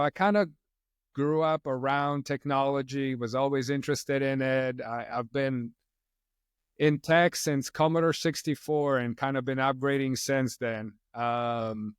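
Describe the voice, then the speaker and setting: A middle-aged man from Poland, a podcast guest chatting casually in a relaxed, rambling way with frequent fillers. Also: medium pitch, slow, smooth, dry recording, clean studio sound. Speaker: podcast guest, company co-founder. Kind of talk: casual interview chat.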